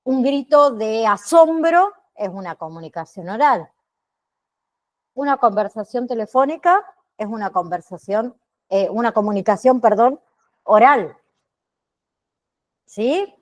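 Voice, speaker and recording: A woman teacher giving an online class lecture, speaking deliberately and checking in with frequent tag questions. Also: a little high, expressive. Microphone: computer mic on a video call.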